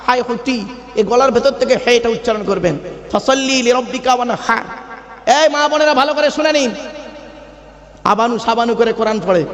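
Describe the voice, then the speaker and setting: A man preaching, teaching correct Quranic pronunciation by chanting verses and quizzing his listeners. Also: extremely high pitch. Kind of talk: sermon. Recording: long echoey reverb of a large venue.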